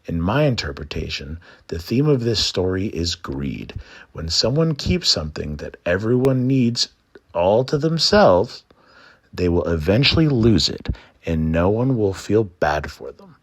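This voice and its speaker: A man with a low, husky voice presents a trickster tale as a storyteller. He takes his time, and his pitch moves in broad, lively swings. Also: unhurried. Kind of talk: scripted folktale narration and explanation.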